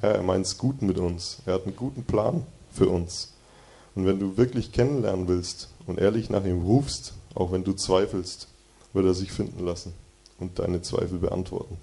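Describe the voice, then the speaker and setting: A man with a low, gravelly voice gives a sermon in a church hall. His tone is dark and mellow. He talks earnestly and conversationally, and he reads the Bible verses with more force. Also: moderate pace. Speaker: preacher giving a devotion. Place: church hall with slide projection.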